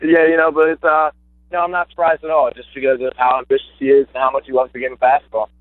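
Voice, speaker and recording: A young man, once a high school basketball player, calls in for a casual phone interview and speaks fast in a monotone, mid-range voice. He's eager, with many fillers and restarts. The recording is dry and comes through a tinny phone line.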